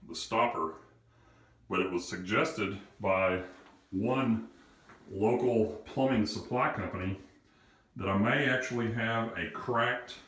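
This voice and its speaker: A man filming his bathroom on a handheld phone, asking in an unhurried, hesitant way for advice on a repair. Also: low-pitched, fairly bright tone. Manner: unhurried, hesitant, thinking aloud. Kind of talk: casual how-to video narration. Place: small tiled bathroom, indoors. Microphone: handheld phone camera. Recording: echoey bathroom with running water. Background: running water from tub faucet and shower.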